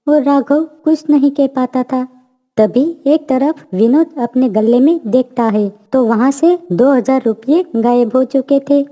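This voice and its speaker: A woman narrating a children's cartoon story in a plain, steady way. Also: high voice.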